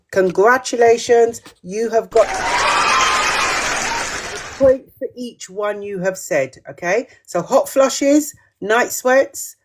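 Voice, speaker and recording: A woman hosts a live online quiz at a slow, unhurried pace. She reads each question out twice and chats with viewers about their answers as they come in. Her pitch sits in an ordinary middle range. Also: a little mellow. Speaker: host of a live menopause quiz. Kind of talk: live-stream quiz hosting.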